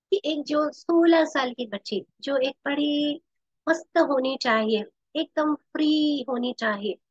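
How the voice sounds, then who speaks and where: Brief: woman wellness teacher, high lively voice, dry, slightly dull recording. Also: breathy edge, no echo. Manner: animated, acts out quoted voices, rhetorical questions. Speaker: spiritual wellness teacher and therapist. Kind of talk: explanatory talk to viewers.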